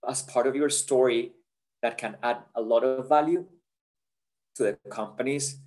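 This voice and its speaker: A man presents a career webinar over a video call. His pitch sits at an ordinary middle height as he talks in an earnest, chatty way and checks in with the audience through little tag questions. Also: normal speed, darkish tone. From Colombia.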